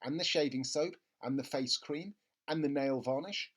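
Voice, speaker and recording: A storybook reader voicing a helpful, thoughtful young boy in a careful, deliberate manner. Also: medium pitch, lightly acted. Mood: earnest. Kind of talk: children's storybook character voice.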